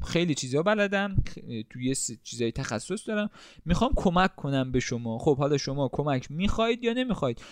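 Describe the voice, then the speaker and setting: A man's voice: fairly high pitch, no room sound, studio quality. A young man sitting and talking to his camera about helping people online, explaining with everyday examples and asking rhetorical questions. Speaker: content creator. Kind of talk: casual talk to camera about helping others. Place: room, seated.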